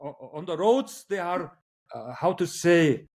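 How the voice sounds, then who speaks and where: A man with a Mongolian accent, a native Mongolian speaker, talking casually and giving opinions in halting English, often repeating words for emphasis. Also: a little high, lively intonation, darkish tone. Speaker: interview guest.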